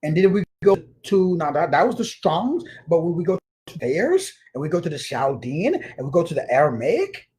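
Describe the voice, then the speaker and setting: A man's voice: a little high, big pitch swings, moderate pace, a little mellow. A man giving an informal spiritual lecture, slangy and emphatic, repeating words for stress. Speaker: spiritual teacher.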